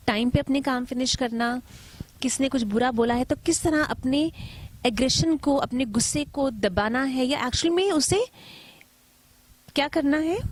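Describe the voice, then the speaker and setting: A woman in her thirties giving parenting advice in a calm, patient lesson, asking the listener questions and mixing in English words. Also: high-pitched. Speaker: kindergarten teacher giving parenting tips. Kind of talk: talk-to-camera parenting lesson.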